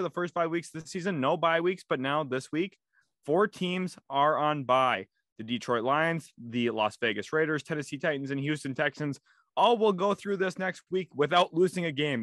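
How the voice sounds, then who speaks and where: Energetic young man hosting sports picks. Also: on the high side, no room sound. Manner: energetic, leads the segment and hands questions to co-host. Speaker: sports podcast host. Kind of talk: casual sports prediction talk.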